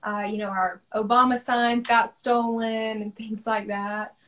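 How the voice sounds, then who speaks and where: Young woman, from the american south, fairly high voice, thoughtful and unhurried, lots of ums, video call. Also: flat delivery, a bit bright. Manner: thoughtful, frequent fillers. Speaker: artist. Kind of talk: casual conversation on a livestream.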